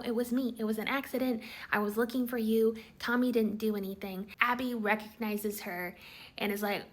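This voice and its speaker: A woman's voice: a little high, a bit bright. Chatty woman with a lilt. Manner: chatty, many "like" fillers, quotes characters. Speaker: TV recap vlogger. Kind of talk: casual episode recap.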